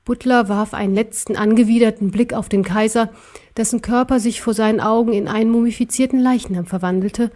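A woman narrating a storybook in an expressive, dramatic way. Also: a little high, brisk. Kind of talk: storybook reading.

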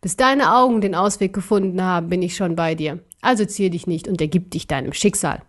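A woman voicing an arrogant, cruel ancient emperor in an audiobook, speaking slowly and scornfully. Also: on the low side, lightly acted. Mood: gloating. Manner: slow, scornful and gloating. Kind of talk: audiobook character voice.

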